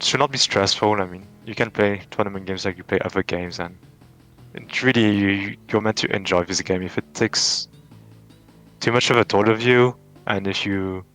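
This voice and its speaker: A man's voice: low-pitched, a bit bright. A man with a French accent, answering interview questions in a casual, thoughtful way with frequent restarts and fillers. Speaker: tournament champion guest.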